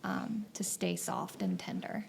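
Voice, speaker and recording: A woman's voice: unhurried, whispered. A woman missionary answering interview questions in a thoughtful, reflective way with frequent fillers.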